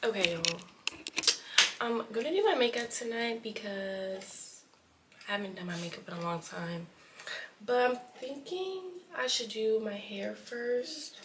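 A chatty young woman talks straight to a camera propped nearby, rambling through her plans with plenty of "um"s and "like"s. Her pitch sits in an ordinary middle range. A faint hum of room noise sits behind her in a small home bathroom. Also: expressive, unhurried. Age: young adult. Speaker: vlogger. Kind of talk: casual vlog chat to camera.

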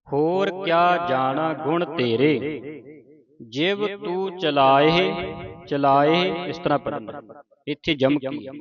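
A man with a Punjabi accent giving a recitation lesson, chanting verse lines and explaining how each word is pronounced, in a measured, repetitive way. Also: medium pitch, dull audio. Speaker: scripture pronunciation teacher.

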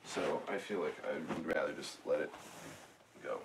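A man's voice: rumbling low, normal speed. An actor playing a pushy young man with a camcorder in a found-footage film, talking casually and naturally. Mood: uneasy, low-key. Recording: faintly noisy distant camcorder sound.

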